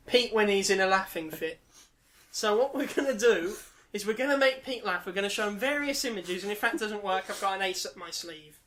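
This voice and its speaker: A woman's voice: mid-range voice, fairly bright tone. A woman hosting a casual comedy podcast, upbeat and steering the segments. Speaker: podcast host.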